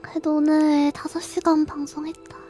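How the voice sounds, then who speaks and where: A woman's voice: sits high, flat delivery, normal speed, mellow, faint music behind. A young woman streamer chatting casually to her viewers in a cute, sweet anime-streamer manner. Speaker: live streamer signing off.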